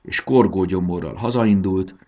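A man narrating a children's storybook in an expressive storytelling manner. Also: sits low, lo-fi sound.

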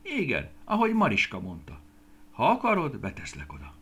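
A man voicing a stiff, kindly scarecrow who speaks gently in a storybook reading. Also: mid-range voice, wildly swooping pitch, husky, pitched above the performer's own voice, heavily acted. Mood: gentle. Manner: gentle, soft-spoken, sometimes whispering.

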